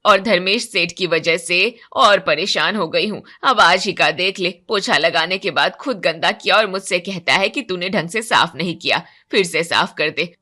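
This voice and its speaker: A woman voicing a short-tempered housemaid mother, grumbling and scolding in a lowered, louder voice. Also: moderate pace, hardly any pauses. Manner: irritated, scolding.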